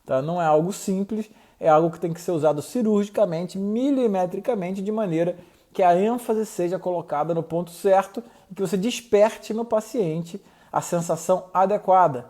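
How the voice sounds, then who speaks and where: A man's voice: high voice, normal speed, mellow. A young man hosting a podcast, explaining clinical interview techniques in a casual, rambling way with slangy asides and self-corrections. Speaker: podcast host. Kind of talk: casual educational talk.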